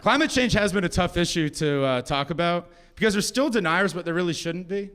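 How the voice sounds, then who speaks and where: A man's voice: sits high, a little fast, crowd noise. A young man performing a stand-up comedy set on stage, wry and self-mocking, often slipping into quoted voices. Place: comedy stage with a live audience laughing.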